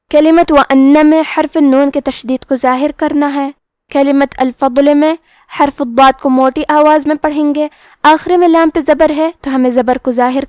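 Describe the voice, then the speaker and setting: A woman with a Pakistani Urdu accent teaching Quran recitation rules step by step, explaining each letter plainly and then reciting the words slowly with long drawn vowels. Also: high voice, darkish tone, no room sound, clean studio sound. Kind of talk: tajweed lesson with slow recitation.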